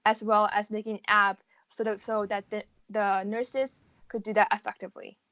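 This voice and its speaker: Speaking at normal speed with a medium-pitched, level, fairly bright voice, a college student from the United States, roughly 18 to 19, answers interview questions. She is informal and hedges often while explaining, and the audio is dull.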